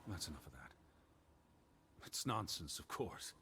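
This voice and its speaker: A man playing a weary, earnest gentleman in a story video game. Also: deep voice, sing-song, a little slow, slight background noise, full character voice. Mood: impatient. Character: Edward, weary, earnest, restless gentleman searching for sister. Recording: game audio with music behind.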